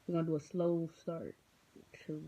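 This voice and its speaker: A woman's voice: low-pitched, little pitch movement, moderate pace, dark tone. Tired, rambling young woman vlogging. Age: 20s. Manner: rambling, unscripted, many filler ums; goofy. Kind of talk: casual vlog chat. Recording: dull lo-fi sound.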